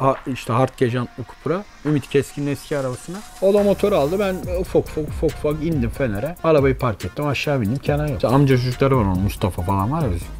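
A man's voice: on the high side, a little mellow. A man casually retelling a personal story, chatty and full of fillers, acting out his friends' quoted lines. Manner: acts out friends' quoted dialogue. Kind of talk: casual anecdote telling.

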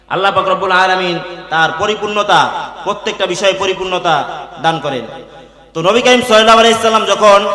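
A young man preaching a waz sermon, moving from quick plain storytelling into loud, slow chanted rises. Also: high voice. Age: young adult. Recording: echoey reverberant hall.

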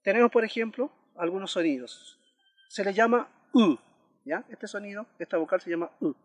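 A man with a high-pitched voice teaches a language lesson at an unhurried pace. He says each example word slowly and repeats it, pausing to check that listeners follow. Small hesitations dot his explanations. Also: long reverb tail. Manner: frequent "eh" hesitations.

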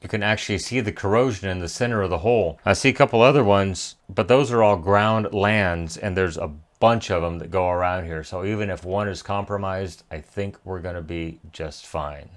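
A middle-aged American man narrates a hands-on electronics repair tutorial as the video's host. His voice is low and his speed normal, with few pauses, and he explains things in a methodical, plain-spoken way.

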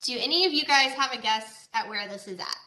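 Bright-voiced woman presenting online. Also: on the high side, a little fast, echoey room. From Georgia, USA. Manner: conversational, with frequent fillers and rhetorical questions. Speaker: agricultural educator. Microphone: video call.

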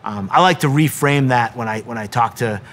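A man's voice: mid-range voice, a little fast, a bit bright. A middle-aged man, a wrestling coach, giving an earnest devotional talk with many ums and restarts, sometimes acting out the voices he quotes.

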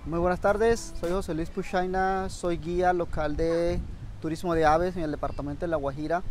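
A man's voice: fairly high pitch, fairly even intonation, fairly quick, a little mellow, soft background music. A man in his thirties, a local bird guide, giving a formal welcome outdoors under a thatched shelter. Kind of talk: on-camera introduction.

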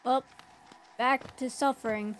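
High-voiced, unhurried woman streamer. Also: steady tone, slight background noise. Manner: giggly, chatty, greets and answers chat. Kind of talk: casual livestream gameplay chat.

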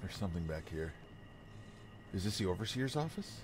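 A man's voice: low voice, sing-song, brisk, a crowd in the background. A man livestreaming a co-op video game, reading in-game text aloud with small stumbles and chatty asides.

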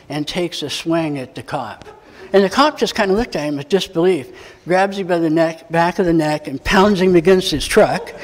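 A middle-aged American man preaching, telling a personal story in a folksy way, acting out the dialogue and chuckling as he goes. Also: fairly high pitch. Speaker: pastor. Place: church sanctuary. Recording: long reverb of a church hall.

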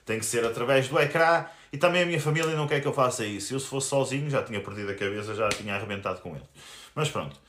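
A man's voice: medium pitch, very fast, fairly bright tone, a little hiss or hum. A man in his twenties with a European Portuguese accent, ranting angrily and crudely on a live stream as a YouTuber. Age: 20s. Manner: angry, crude, confrontational. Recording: roomy echo.

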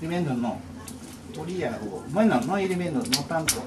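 A man whose first language is Japanese, showing how to cook at home in halting, broken Spanish and often stopping to search for words. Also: a little high, animated, a crowd in the background. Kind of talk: casual cooking demonstration. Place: home kitchen. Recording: noisy home recording.

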